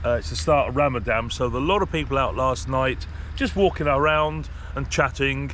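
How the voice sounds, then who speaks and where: A man's voice: medium pitch, a little fast, a bit bright, a little hiss or hum. A man talks casually to camera as a travel vlogger, in an understated, matter-of-fact way.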